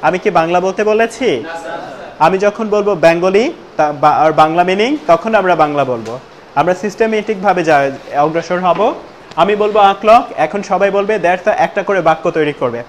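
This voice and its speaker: A man teaching a spoken English class, prompting students again and again and slowing right down to model each sentence. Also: high-pitched. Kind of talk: classroom lesson with call-and-response drills. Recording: loud room noise and class chatter. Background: students answering in chorus.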